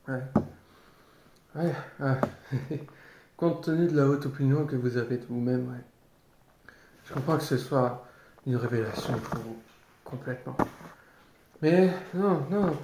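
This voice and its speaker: A man improvising a theatrical tirade in a sardonic, mock-polite way, halting and repeating his words. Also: medium pitch. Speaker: amateur actor improvising a monologue. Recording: roomy echo, clearly noisy background, clicks.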